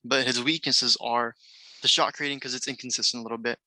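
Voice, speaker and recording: Enthusiastic male co-host, very bright sharp tone, dry close sound. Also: medium pitch, fairly even intonation, brisk, no echo, poor audio. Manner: enthusiastic, rattles off scouting points. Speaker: podcast co-host. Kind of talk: casual basketball draft chat.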